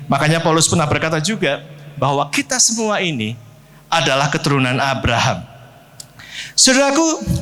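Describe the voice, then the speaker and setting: A middle-aged pastor from Central Java preaching a sermon, swinging his pitch widely, asking the congregation questions and mixing English words into his talk. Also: a bit bright. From Central Java, Indonesia.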